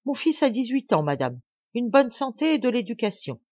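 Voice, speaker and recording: A woman's voice: a little high, sing-song, normal speed, dark tone, dry recording, pitched above the performer's own voice. A woman voicing a proud, wounded middle-aged man who talks with vehement defiance. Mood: defiant. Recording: dull, dry home recording.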